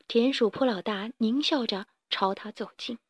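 A woman storyteller reading a children's story aloud with lively expression. Her voice sits high, and the recording is close and dry with no room sound. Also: dry recording.

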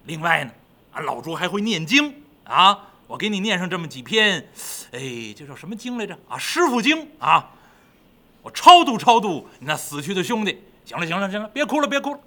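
A man voicing a greedy, chatty male pig monk who rambles and coaxes loudly in a storytelling performance. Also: sits high, big pitch swings, a little fast, heavily acted. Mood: coaxing. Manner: rambling, coaxing, loud.

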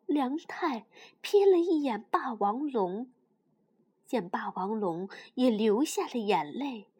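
Woman, bedtime story reader, hushed and gentle, breathy, high voice. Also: lively intonation, slow.

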